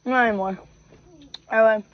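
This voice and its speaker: A woman's voice: fairly high pitch, steady tone, moderate pace. A woman hosting a casual home video while eating sour candy. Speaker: vlog host. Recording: dull home recording with faint noise.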